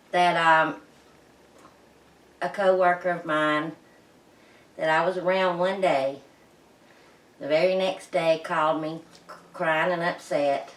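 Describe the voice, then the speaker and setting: A middle-aged woman chats casually and haltingly for a vlog, folksy, her voice muffled through a face mask and short of breath. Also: fairly low pitch, fairly bright tone. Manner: folksy, plain-spoken, halting. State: out of breath, pausing. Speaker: vlog host. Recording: roomy echo, distant microphone.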